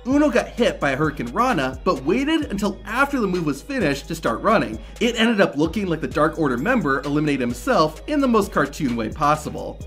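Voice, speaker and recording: Lively higher-voiced male countdown narrator. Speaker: narrator of a wrestling countdown video. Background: music.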